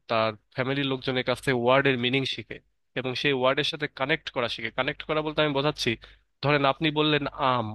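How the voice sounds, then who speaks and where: A man's voice: mid-range voice, sharp tone, no echo. A man giving a recorded grammar lecture, explaining in a conversational way with everyday examples. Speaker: English grammar teacher.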